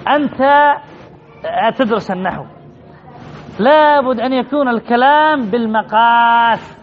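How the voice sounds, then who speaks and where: High-pitched guy teaching grammar, keeps repeating stuff and quizzing the class, muffled lo-fi sound. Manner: emphatic, repeats key points, quizzes students. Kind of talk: classroom lesson.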